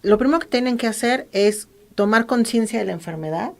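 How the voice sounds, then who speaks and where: A woman doctor with a Mexican accent, calmly explaining practical medical advice as an interview guest. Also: on the high side, fairly quick, vocal fry. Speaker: ophthalmologist guest.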